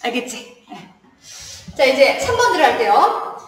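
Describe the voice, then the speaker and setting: A woman's voice: high voice, very animated, unhurried. A woman teaching a literature class in a chatty lecturing manner, laughing often and checking that her students follow. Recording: echoey hall, distant mic.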